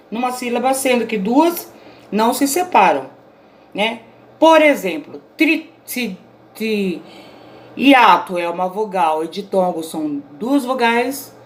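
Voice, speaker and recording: A woman teacher recording her own online grammar lesson, explaining patiently and checking in with her students often. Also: a little high. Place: indoors, self-recorded at home.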